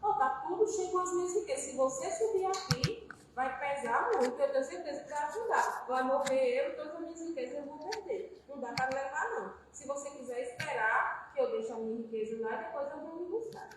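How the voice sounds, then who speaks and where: Greedy Wealth, as a woman acts it out, making excuses in a high, self-concerned voice. The sound is strongly echoey and far from the mic, with constant noise. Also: fairly quick, lightly acted. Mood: excusing. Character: greedy Wealth, clinging to riches.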